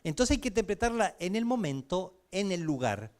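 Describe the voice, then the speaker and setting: Animated high-voiced Chilean pastor preaching. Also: male voice, moderate pace. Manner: conversational preaching with everyday examples and questions to the congregation. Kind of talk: sermon. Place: church service.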